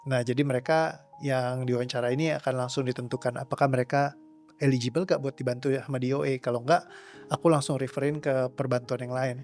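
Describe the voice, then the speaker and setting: A man's voice: mid-range voice, little pitch movement, fast talker, a little mellow, soft background music. A young man answering interview questions as a coach, rambling casually and slipping English words into his speech. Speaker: trauma release coach.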